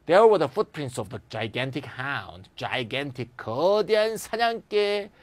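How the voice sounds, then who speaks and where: A tired man lecturing on English grammar, acting out example sentences with lively emphasis. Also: on the high side, very slow. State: tired after a late night. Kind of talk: recorded classroom lecture.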